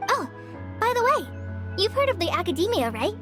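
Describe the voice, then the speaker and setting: A woman's voice: extremely high pitch, sing-song, brisk. A woman voicing a shy, eager young ranger trainee who stammers and hesitates nervously. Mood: chatty. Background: game music.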